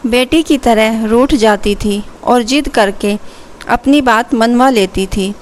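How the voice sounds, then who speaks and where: A woman narrating a family story in an even, storybook reading manner. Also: fairly high pitch, slight background noise.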